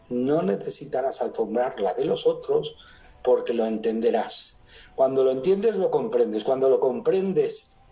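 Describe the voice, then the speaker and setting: A man's voice: mid-range voice, mellow, low-quality recording. A man giving an earnest motivational talk, repeating phrases and addressing listeners directly. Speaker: spiritual speaker.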